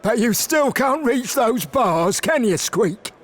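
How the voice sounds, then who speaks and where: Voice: mid-range voice, lively intonation, slow pace, a bit bright. A performer voicing a smug, sneering male cartoon mouse champion who mocks and gloats. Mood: mocking. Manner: mocking, gloating.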